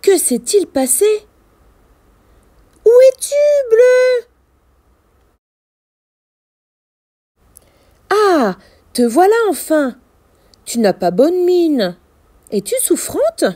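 A kind, caring young boy, as a woman reading aloud puts him on, speaking in a high voice that swings up and down. He calls out in a raised, anxious way, with a mellow tone. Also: big pitch swings, slow, exaggerated voice. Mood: worried.

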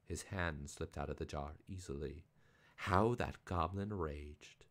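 A man reading a picture book aloud live, in an expressive, theatrical way. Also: very deep voice, a little slow. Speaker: reader.

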